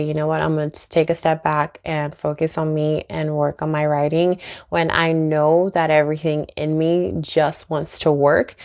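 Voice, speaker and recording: A YouTuber and author from Trinidad and Tobago talks to the camera about her faith, earnest and encouraging, with frequent small laughs. Her voice sits low, creaky and darkish in tone.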